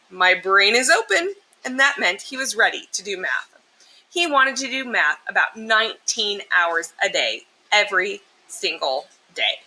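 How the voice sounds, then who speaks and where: A woman's voice: fairly high pitch, low-quality recording. A woman reading a children's picture book aloud expressively, explaining and emphasizing things for young listeners. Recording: clear steady background noise.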